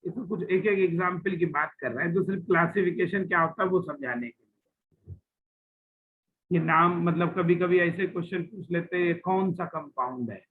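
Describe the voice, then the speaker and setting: High-voiced guy teaching chemistry, asks the class questions, tinny lo-fi sound with a bit of background hum. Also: moderate pace. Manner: explains with homely examples and asks the class questions; addresses students as "beta ji". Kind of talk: classroom lecture. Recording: tinny phone-like recording with faint ambience.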